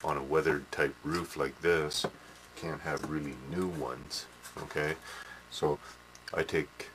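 A man's voice: rumbling low, steady tone, takes it slowly. A middle-aged man casually demonstrating a hobby model build in a small workshop, rambling with lots of fillers and "eh" tags. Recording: noisy home camcorder audio.

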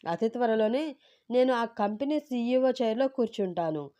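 A cocky, spoiled young son from a spoken storybook, put on by a woman narrator, issuing orders. She pitches him higher and louder than the narration, bossy and pleased with himself. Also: expressive, normal speed, lightly acted.

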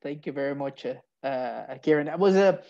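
A man's voice: a little high, normal speed, gravelly, a little mellow, muffled recording. A man with a non-native English accent, hosting a webinar with polite, hesitant, filler-heavy speech. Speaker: webinar moderator. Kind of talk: webinar moderation. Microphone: video call.

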